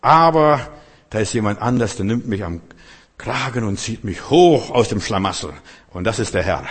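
Husky-voiced male preacher, emphatic, alternates booming and hushed delivery, long hall reverb. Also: lively intonation, normal speed. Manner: emphatic, swings between loud declarations and hushed lines; addresses listeners directly and intimately. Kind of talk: sermon.

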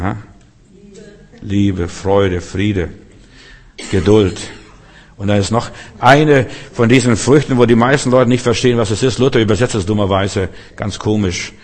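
Husky-voiced preacher man, emphatic. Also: fairly low pitch. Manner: emphatic, repetitive, addresses listeners directly. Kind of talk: sermon.

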